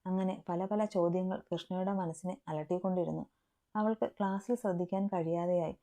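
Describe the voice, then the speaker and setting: A woman narrating a romance story in a steady, dramatic reading style. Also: on the low side, a little fast.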